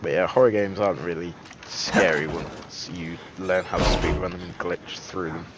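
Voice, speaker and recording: A man's voice: low-pitched, steady tone, moderate pace, very noisy. A man giving casual, joking gameplay commentary as a streamer, chatty and self-deprecating with lots of fillers. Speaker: game streamer.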